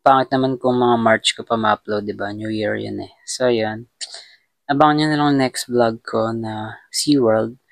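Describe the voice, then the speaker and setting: A young man talking casually in a travel vlog, mixing English and Filipino in a relaxed way. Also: mid-range voice, dry recording. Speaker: vlogger.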